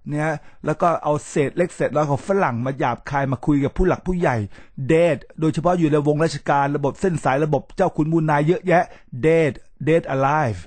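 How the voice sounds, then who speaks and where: A middle-aged man hosting a podcast about English, talking to listeners in a casual lecture style, animated and sliding in English words as he demonstrates how they are said. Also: a little high, fairly quick, hardly any pauses, husky, no echo. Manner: animated, mixes English words into his talk, demonstrates pronunciation. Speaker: podcast host teaching English.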